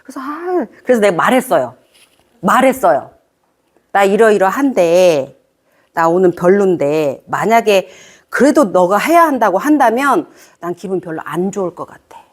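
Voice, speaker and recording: A woman's voice: medium pitch, sing-song, normal speed. Middle-aged lady lecturing parents, chatty and teasing, voice jumps up and down a lot. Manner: chatty, teasing, asks the audience questions.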